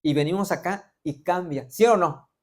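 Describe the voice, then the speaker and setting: A man's voice: high-pitched, normal speed. Veracruz-accented pastor quizzing his congregation. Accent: Veracruz Mexican Spanish. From Veracruz, Mexico. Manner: interactive, quizzing the congregation with joking asides. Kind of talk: sermon.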